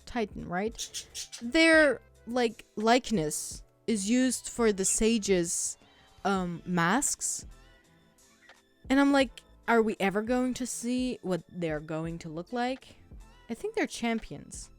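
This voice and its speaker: Slow-talking woman ranting casually. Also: a little high, animated, faint music behind. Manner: heated, sweary, full of fillers. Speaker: streamer.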